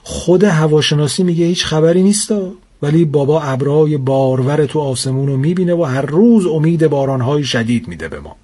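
Husky man telling a wry comic story. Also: a little high, hardly any pauses. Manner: wry, deadpan complaining. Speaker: narrator. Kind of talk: comic first-person storytelling.

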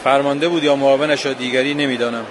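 A man reading aloud from a memoir for a radio audience in a plain, even way. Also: medium pitch, background noise. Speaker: listener reading a book aloud.

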